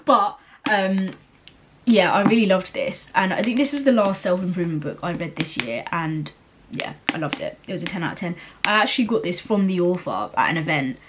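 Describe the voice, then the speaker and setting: A young woman with a lowish, expressive voice talks fairly quickly over a noisy background. She's a book vlogger chatting casually, rambling with lots of fillers and laughter.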